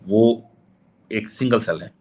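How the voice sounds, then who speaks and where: A man's voice: lowish voice, takes it slowly, a little mellow, a little hiss or hum. A man with a sore throat, arguing a point in a questioning, challenging monologue that keeps returning to the same question. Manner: questioning, challenging, repeats himself. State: hoarse with a sore throat, clearing throat. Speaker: commentator rebutting atheists. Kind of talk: argumentative monologue.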